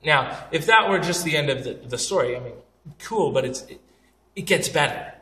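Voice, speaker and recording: A man's voice: fairly high pitch, animated, moderate pace, bright, forceful tone, roomy sound, recorded from a distance, a little hiss or hum. A young man telling funny travel stories in a casual, joking, self-deprecating way, talking straight to camera. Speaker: vlogger.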